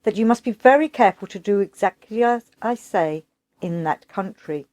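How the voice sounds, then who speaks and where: A woman voicing a mysterious old woman guide who talks in a hushed, sing-song, cryptic way. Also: mid-range voice, expressive, moderate pace, no echo, close to an everyday voice.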